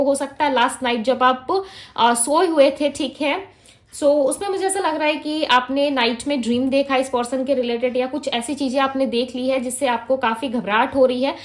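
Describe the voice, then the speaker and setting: Speaking directly to viewers, a woman does a tarot reading in a high voice, mixing English into her Hindi with frequent "ठीक है" fillers. Her manner is soft and comforting, though her throat sounds heavy.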